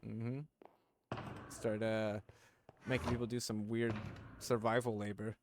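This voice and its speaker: A man streaming a game, chatting and joking with a friend, quick to laugh. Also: fairly low pitch, little pitch movement, noisy background. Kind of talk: casual livestream game chat.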